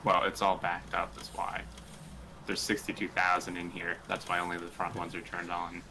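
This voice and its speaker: A man's voice: low voice, completely flat delivery, normal speed, sharp tone. A man chatting casually with fellow players during a multiplayer game. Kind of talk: casual chat during gameplay. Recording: faint background noise.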